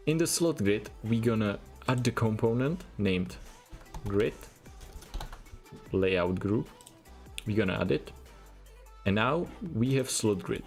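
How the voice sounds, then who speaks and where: A man with a lowish, slightly mellow voice speaks English with a Czech accent; he's from the Czech Republic and Czech is his native language. As a programming tutor in a screen-recorded coding tutorial, he gives plain step-by-step instructions, saying "we're gonna" again and again.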